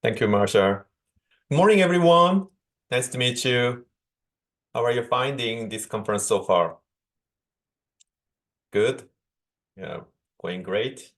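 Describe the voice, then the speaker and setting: A man from South Korea, a native Korean speaker with a Korean accent, giving a measured conference keynote over a video call with small restarts. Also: medium pitch, lively intonation, fairly bright tone. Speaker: guest speaker, associate professor.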